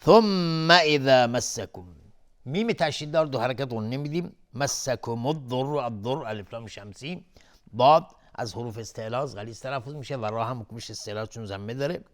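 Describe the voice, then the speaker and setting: A man teaching Quran recitation rules on a television lesson, patiently explaining each rule and breaking words into syllables, then chanting the verses slowly in a higher, louder, melodic voice. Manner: alternates plain explanation with slow, raised, melodic chanting of verses.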